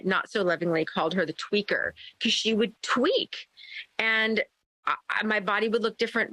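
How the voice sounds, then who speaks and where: A woman's voice: mid-range voice, bright, forceful tone, no echo, poor audio. A woman co-hosting a podcast, telling a candid personal story in a rambling, self-deprecating way. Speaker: podcast co-host. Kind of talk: personal storytelling in casual chat.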